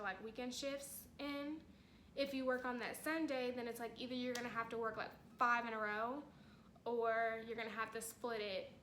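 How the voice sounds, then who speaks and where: Casting: young woman vlogger, slightly high, bright voice, rambling chatty delivery, faint background hiss. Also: rough recording. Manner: chatty, rambling, many fillers. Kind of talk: casual chat to camera.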